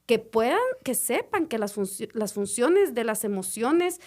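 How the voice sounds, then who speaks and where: A woman's voice: on the high side, sing-song, a little slow, darkish tone. A woman, a mother and podcast co-host, explaining at length with tag questions and restarts. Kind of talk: casual podcast chat.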